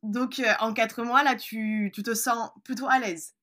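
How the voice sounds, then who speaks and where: A woman's voice: on the high side, fairly even intonation, unhurried, a bit bright. A French woman hosting a podcast, asking questions in a casual interview and backing the guest with short replies. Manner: encouraging, with frequent short backchannels. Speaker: podcast host.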